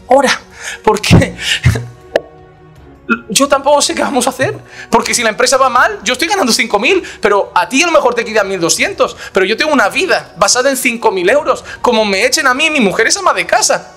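A man preaches a sermon in a very high, bright, ringing voice. He is animated, acting out the voices he quotes and firing off rhetorical questions, and faint music plays behind him. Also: fairly quick. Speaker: pastor.

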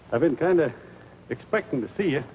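An actor playing a bashful country fellow. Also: male voice, a little high, lively intonation, moderate pace, slight background noise, lightly acted. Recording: muffled 1940s film soundtrack.

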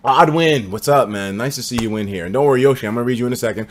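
An American man in his twenties chatting and reacting casually on a livestream, expressive, slangy and profane. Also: mid-range voice, racing, slight background noise. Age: 20s. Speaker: livestreamer reacting to videos and reading chat. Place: indoor streaming room.

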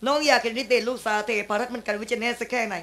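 A man's voice: very high-pitched, fairly even intonation, very fast. A man voicing a haughty young woman, a guardian spirit's daughter, in a shadow-puppet play, threatening intruders in a stern, formal way. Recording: loud puppet-theatre band music behind.

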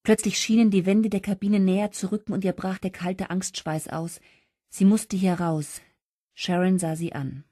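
A woman narrating an audiobook in a lively, expressive storytelling manner. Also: mid-range voice, normal speed, dry recording, studio quality. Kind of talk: scripted narration.

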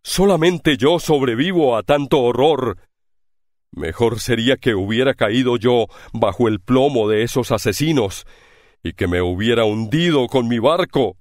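A man's voice: medium pitch, unhurried, a little mellow, no echo, studio quality, lightly acted. A man voicing a proud, fierce pirate prince held captive in chains, crying out in desperation. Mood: despairing. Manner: desperate outcries.

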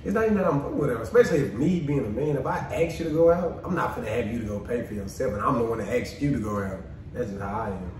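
An animated twenty-three-year-old man speaks in a mid-range voice, pressing his points and repeating them. He is picked up from across a very echoey room. A steady noise sits under him. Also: medium pitch, rapid-fire, few pauses, far from the mic. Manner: animated, emphatic, repeats for emphasis. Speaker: guest. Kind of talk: casual chat.

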